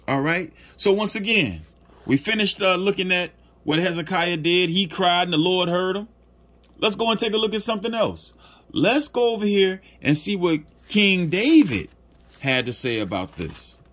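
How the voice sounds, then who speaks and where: A man teaches scripture in an informal Bible study. His voice sits a little high, and he reads verses slowly before explaining them in plain everyday talk. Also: fairly bright tone. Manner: stops to search for verses, with fillers.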